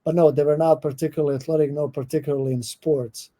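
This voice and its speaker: A middle-aged Croatian man speaks in a dark, mellow voice, pitched a little high. He answers interview questions thoughtfully, often pausing with "um" and restarting his sentences. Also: little pitch movement. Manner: thoughtful, with many fillers and restarts. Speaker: guest professor. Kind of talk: podcast interview.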